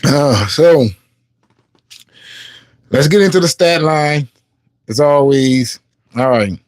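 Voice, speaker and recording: A man's voice: a little high, slow pace, no room sound. A man hosting a casual sports live stream. He reads game stats aloud and chats with viewers. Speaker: sports livestream host.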